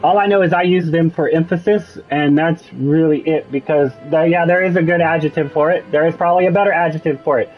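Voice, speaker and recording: Over soft background music, a male gaming streamer rambles casually about his gameplay, musing, digressing, and often restarting. His fairly high, steady voice moves quickly with hardly any pauses, and the highs are cut off.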